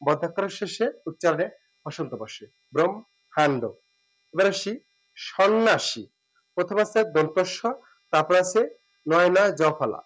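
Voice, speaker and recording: A man giving a spoken lesson, explaining step by step and repeating words slowly and drawn out. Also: fairly high pitch, poor audio. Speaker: teacher.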